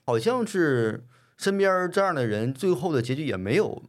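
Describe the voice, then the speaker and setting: A man joins a relaxed podcast talk and chimes in calmly. He keeps a level, agreeable tone as he recounts an old television drama. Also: a little high, normal speed. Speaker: podcast co-host. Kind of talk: casual chat.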